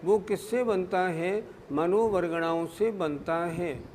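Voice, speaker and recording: A male religious scholar explains scripture at a slow, deliberate pace, often posing a question and then answering it. His voice sits high. It rings in a long hall reverb over a faint background hum. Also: darkish tone. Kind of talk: scriptural discourse.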